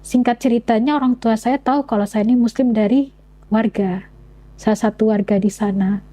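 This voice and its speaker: Earnest young woman, mellow voice. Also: fairly high pitch, fairly even intonation, poor audio. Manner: earnest, halting, with many restarts. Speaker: convert sharing her story. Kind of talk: personal testimony.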